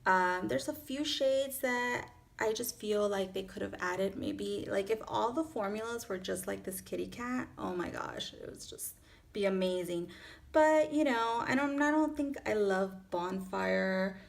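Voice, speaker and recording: A woman's voice: mid-range voice, unhurried, gravelly. A woman in her thirties with a Miami accent, chatting casually and informally through a makeup tutorial. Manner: chatty, informal, self-accepting. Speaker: beauty vlogger. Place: small furnished room at home, indoors.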